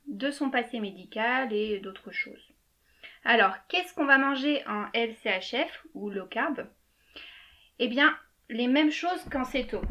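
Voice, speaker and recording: A woman's voice: on the high side, lo-fi sound. A woman co-hosting a podcast, explaining things casually with frequent hesitations. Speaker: podcast co-host.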